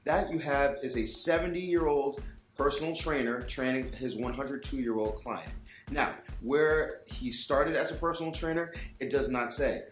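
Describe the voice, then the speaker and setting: A man's voice: mid-range voice, unhurried, faint music behind. A man, a personal trainer, speaking to camera in an earnest, direct coaching manner in an advice vlog.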